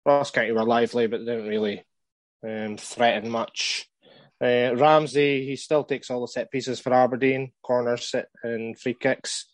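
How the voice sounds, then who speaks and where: A man co-hosting a casual fantasy football podcast, giving measured advice with frequent hesitations. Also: medium pitch, steady tone, no room sound. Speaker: podcast co-host.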